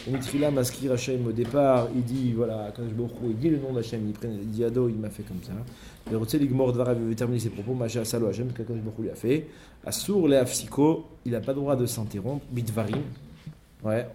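Man teaching a Torah study lesson, mellow voice. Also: mid-range voice, fairly even intonation, quick pace, a little hiss or hum. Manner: explains step by step, mixing in many Hebrew terms.

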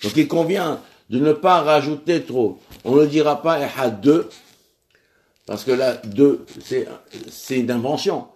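A man teaching a religious lesson, speaking in a measured way with frequent restarts and pauses, lifting his voice on the key words and questions. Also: a little high, darkish tone.

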